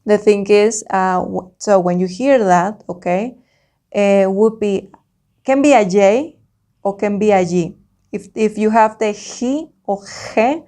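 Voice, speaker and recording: Spanish lady teacher w spanish accent doing slow dictation lesson, says words carefully n repeats them. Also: mid-range voice, mellow. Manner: slow, deliberate, repeats words and sounds for the learner.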